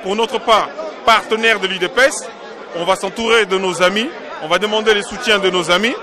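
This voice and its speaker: A man's voice: sits high, steady tone, a little fast, crowd noise. A man from Congo, a diaspora political activist, answering interview questions in an emphatic, insistent way and repeating his points.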